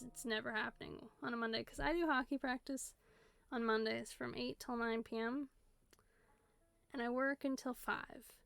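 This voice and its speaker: Gravelly-voiced young American streamer woman. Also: a little high. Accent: American West Coast. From United States, Seattle area. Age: 20s. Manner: rambling, filler-heavy talk with many "like"s. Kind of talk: casual chat. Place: home streaming setup. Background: faint music playing.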